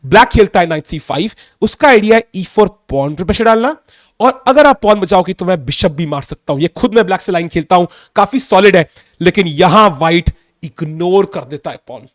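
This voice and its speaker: A young man with a sore throat giving a casual chess lesson, excitedly calling out moves and mixing in English. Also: sits high, a little fast, dry recording, studio quality. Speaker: chess coach.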